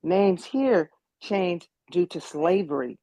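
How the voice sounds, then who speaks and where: A woman's voice: on the low side, lively intonation, slow pace, dark tone, no room sound, poor audio. A woman in her sixties from the United States, giving earnest personal testimony in an online meeting and repeating words as she thinks. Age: 60s. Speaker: meeting participant.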